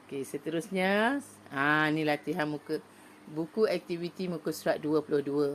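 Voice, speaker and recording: A middle-aged woman with a Malaysian Malay accent, a primary school teacher patiently explaining an online lesson step by step, reciting poems slowly and loudly. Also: deep voice, slight background noise. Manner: patient, explaining step by step with many "okey" fillers; slow, loud, emphatic when reciting poems. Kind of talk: online lesson for young pupils.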